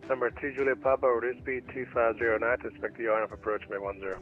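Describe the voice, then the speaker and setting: A man's voice: medium pitch, fairly even intonation, fast. A man working as an air traffic controller, giving clipped instructions in standard phraseology through a radio filter. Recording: muffled radio audio with music behind.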